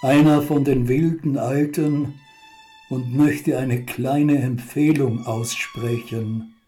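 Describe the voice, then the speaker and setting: An elderly man in his eighties speaks slowly with a mellow, darker voice. He gives plain advice in a scripted appeal. Faint music sits behind him. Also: mid-range voice, fairly even intonation. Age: 80s. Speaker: elderly climate activist.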